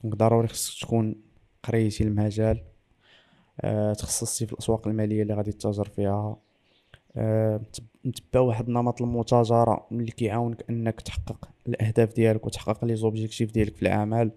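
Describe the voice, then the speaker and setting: A man explains things in an interview with a Moroccan Arabic accent. He talks briskly in a mellow, relaxed tone, dropping French and English terms into his sentences. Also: on the low side. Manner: mixes in French and English loanwords. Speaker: trader interviewed as guest.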